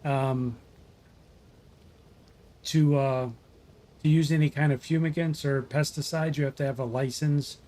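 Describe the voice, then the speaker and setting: A man's voice: fairly high pitch, steady tone, a little slow, long pauses, dark tone. Casual storyteller, middle-aged man from Ohio, wildlife removal worker, talks in loose restarts and fillers. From Ohio, USA. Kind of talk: casual livestream chat.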